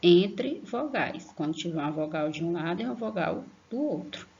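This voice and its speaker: With a deep, expressive, darkish voice, a Brazilian woman teaches grammar online to young children as their primary school teacher. Warm and affectionate, she sounds out syllables slowly and with emphasis, ending sentences with a questioning "tá?". The recording is lo-fi.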